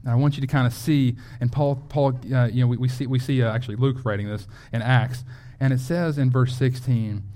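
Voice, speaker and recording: A man's voice: medium pitch, fairly even intonation, a little fast, dark tone. A man teaching a Bible lesson in a loose, conversational sermon style, often restarting his phrases as he thinks aloud.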